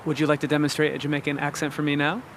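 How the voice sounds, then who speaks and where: A man asking quick, upbeat rapid-fire questions as an interviewer. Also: a little high, completely flat delivery, fairly bright tone, a little hiss or hum.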